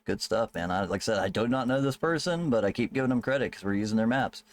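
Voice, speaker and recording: A man's voice: fairly low pitch, expressive, fast. A man running a tabletop game as game master, casual and loose, with swearing and laughing asides.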